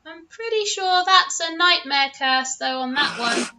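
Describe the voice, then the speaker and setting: A woman's voice: extremely high pitch, animated, a little slow, over music, pitched above the performer's own voice, heavily acted. A woman voicing a small, timid male dragon who guards his hoard and speaks in an earnest, polite way in a tabletop game. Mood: nervous, apologetic.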